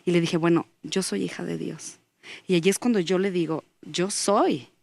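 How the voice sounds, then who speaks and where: Woman, lower-pitched, earnest storytelling, quoting dialogue. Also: fairly even intonation, brisk, gravelly, dark tone. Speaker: guest. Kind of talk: personal faith testimony.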